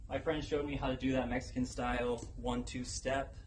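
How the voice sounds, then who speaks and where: A man's voice: medium pitch, little pitch movement. Young man's dramatic speech, noisy live recording. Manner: dramatic, deliberate delivery with pauses for effect. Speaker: contestant in a speech competition. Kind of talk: rehearsed personal storytelling speech. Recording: noticeable background noise, live event ambience.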